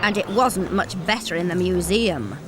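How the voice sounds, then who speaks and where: Woman narrating a children's cartoon, lively intonation. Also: fairly low pitch, normal speed, heavy background noise. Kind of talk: scripted children's story narration. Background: loud music.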